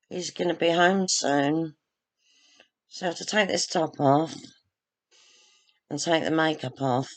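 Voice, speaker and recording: A woman chatting to her viewers at home, rambling and self-deprecating as she moves around the room with her phone camera. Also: sits low. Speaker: vlogger. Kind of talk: casual chat to camera. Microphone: phone or laptop camera, not a proper webcam.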